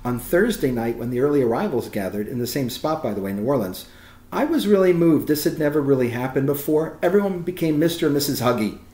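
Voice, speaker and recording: A man speaking with warm enthusiasm, his voice climbing when he gets excited. He talks in an expansive, animated way, and the room around him has a noticeable echo. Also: medium pitch, fast talker. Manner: animated and expansive, rising emphasis. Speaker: guest, film location tour organizer. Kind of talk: enthusiastic interview talk.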